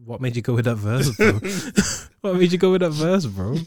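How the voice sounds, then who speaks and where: A man's voice: a little high, very animated, moderate pace, darkish tone, no room sound, clean studio sound. A man in his twenties with a London roadman accent, bantering casually in heavy slang. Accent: London roadman, Multicultural London English. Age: 20s. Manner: slang-heavy, punctuating with "bro" and "innit".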